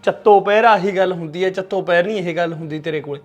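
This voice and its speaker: A man's voice: high-pitched, quick pace, dull audio, soft background music, close to an everyday voice. Man playing an exasperated husband. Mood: teasing. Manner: teasing, exasperated. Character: exasperated joking young husband. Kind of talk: short film drama.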